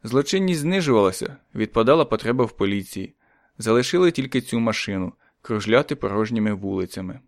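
A man narrating a story in a calm, measured audiobook reading. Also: fairly low pitch, no room sound, studio quality.

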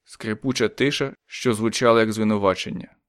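A man narrating a story in a calm, measured audiobook reading. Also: lowish voice, smooth, no room sound, studio quality.

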